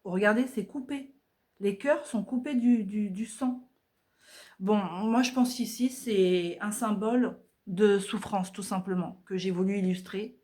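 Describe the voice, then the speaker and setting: A woman's voice: medium pitch, warm tone. A woman vlogger talking casually through her art journal pages at home, chatty and hesitant, with many fillers.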